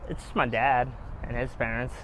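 Outdoors in a sunny cemetery, a young vlog host chats and jokes into a handheld camera on a gimbal, handing out spookiness ratings. His mid-range voice is a bit bright, with fairly even intonation and a moderate pace. The recording is rough.

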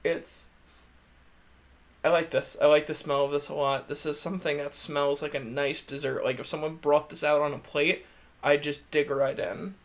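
A man with a campy, chatty drag queen manner, giving a casual, gushing video review in a creaky voice. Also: on the high side, little pitch movement, moderate pace. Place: indoor room, seated at a desk.

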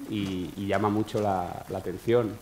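A man's voice: deep voice, fairly even intonation, normal speed, noisy background. A man improvising an absurd comic monologue, rambling, swearing often and trailing into restarts. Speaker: comedian. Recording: echoey live venue with a loud crowd. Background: crowd laughter and ambience.

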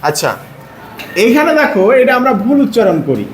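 A man tutoring one student in pronunciation, patiently repeating words slowly and quizzing the student. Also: very high-pitched, very animated, reverberant, a little hiss or hum. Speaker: English tutor.

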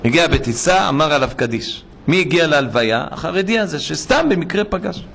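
A male rabbi preaching in a synagogue, with a high, bright voice that tells a story with dramatic swells. He builds from hushed lines up to urgent, ringing cries. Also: big pitch swings, gravelly, breathy edge. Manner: dramatic storytelling, rising to emotional shouts. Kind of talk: sermon.

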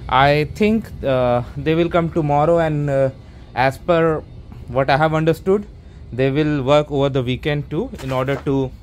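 Filming first-person on a handheld or body camera, a man tours his basement renovation as a homeowner vlogger, starting in the unfinished basement and later going outdoors into a stairwell. He narrates casually, rambling with lots of fillers and restarts, in a steady, fairly high voice at a moderate pace, with faint music behind him.

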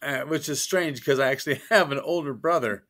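Speaking fairly quickly in a slightly high, fairly bright voice, a male science fiction author chats as an interview guest. He tells wry, joking stories and restarts himself often during the casual conversation.

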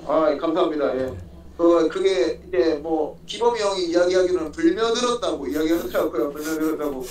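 Young man, polite interview talk, halting, repetitive phrasing, high pitch, far from the mic, faint noise. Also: a little mellow, reverberant. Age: young adult. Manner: polite, halting, often repeats his own phrases. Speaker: MMA fighter being interviewed. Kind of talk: casual remote interview answers. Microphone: phone at arm's length, video call.

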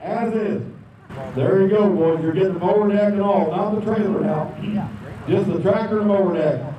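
Auctioneer, man, high voice, rapid bid chant, caught from far off with heavy echo. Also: a crowd in the background. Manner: rapid rolling bid calls. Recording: distant echoey dull noisy outdoor capture.

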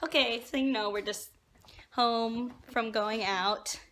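Her voice is a little high, steady and fairly bright, and she speaks at a slow pace. She's a vlogger in her twenties chatting casually to a phone at arm's length in small rooms and a parked car, recorded noisily by hand.

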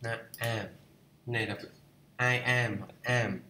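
A man's voice: medium pitch, fairly even intonation, takes it slowly, sharp tone, roomy sound. A man teaching English, reading a lesson aloud and patiently repeating each pronunciation. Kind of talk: bilingual lesson read-through.

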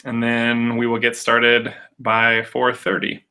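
Bright, upbeat young man on a webcam. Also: mid-range voice, monotone, slow pace, slight background noise. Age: young adult. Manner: upbeat, chatty, many filler uhs. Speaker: public speaking coach hosting a Q&A. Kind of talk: casual live webinar talk and storytelling. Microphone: webcam on a video call.

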